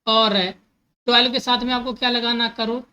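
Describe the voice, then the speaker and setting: A woman talks through a math lesson with a bright, fairly high voice. She repeats each step, poses questions and answers them herself, and slips number words into her speech. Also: level tone, fairly quick, smooth, low-quality recording. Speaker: math teacher.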